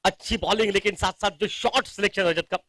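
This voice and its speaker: An Indian man delivers excited, emphatic live cricket commentary. His voice sits high for a man, with a bright, forceful edge and a very dry, close sound. He breaks up the calls with analytical asides aimed at the listener. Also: a little fast, no room sound.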